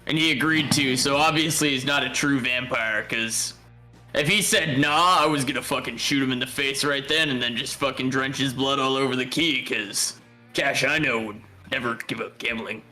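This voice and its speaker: A man's voice: medium pitch, fairly even intonation, normal speed, bright, forceful tone, soft background music. A man role-playing his character in a tabletop game, rambling and swearing casually.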